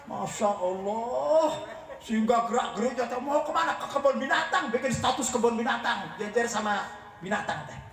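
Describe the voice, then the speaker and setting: A man's voice: very high-pitched, expressive, normal speed, fairly bright tone. A man preaching a humorous sermon, teasing his audience and often asking them whether he is right. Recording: echoey room, voice from far off the mic.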